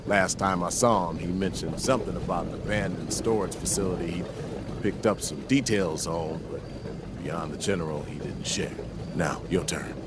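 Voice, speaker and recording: A man's voice: low-pitched, moderate pace, lightly acted. An actor playing a wary male wasteland treasure seeker in a game, with casual, terse, tough talk. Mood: guarded, casual. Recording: clear background ambient noise.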